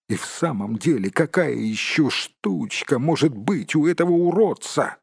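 A man reading a storybook aloud as an expressive, dramatic narrator. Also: on the low side, breathy edge, no echo, studio quality. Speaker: audiobook narrator.

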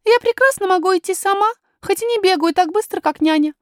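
A woman's voice: very high voice, a little fast, no room sound, studio quality, pitched above the performer's own voice. A woman reading a storybook, voicing a young princess girl who is frightened but willful, speaking in an eager, pleading way. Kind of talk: audiobook character voice.

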